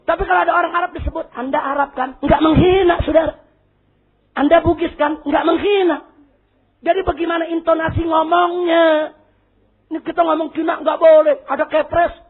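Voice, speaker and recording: A man preaching a fiery sermon, shouting rhetorical questions at the congregation. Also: very high-pitched, steady tone, fairly quick. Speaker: Islamic preacher. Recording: tinny lo-fi recording.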